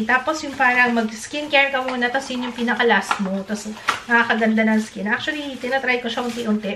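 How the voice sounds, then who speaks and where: A woman with a Filipino accent chatting through an unboxing at home, switching between Tagalog and English, now and then squealing with excitement. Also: fairly high pitch. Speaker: vlogger. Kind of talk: casual family vlog, unboxing. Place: home, indoors. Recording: noisy home recording.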